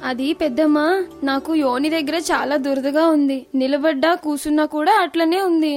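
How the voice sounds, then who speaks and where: A woman playing a timid, halting village girl. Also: high-pitched, steady tone, darkish tone, soft background music. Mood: hesitant. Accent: Telangana Telugu. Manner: hesitant, halting replies. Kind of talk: radio drama acting.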